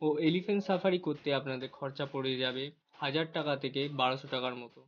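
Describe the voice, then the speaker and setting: A man's voice: medium pitch, fairly even intonation, brisk, highs cut off. A man narrating a scripted travel guide for his channel, greeting viewers as friends and walking through routes and costs.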